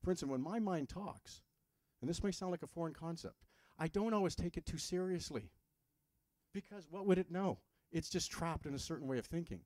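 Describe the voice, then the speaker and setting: A man's voice: on the high side, animated, fairly quick, darkish tone, no echo. A man who works with patients gives a live health seminar in a conversational way, asking the audience questions and dropping jokes. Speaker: health practitioner giving a seminar.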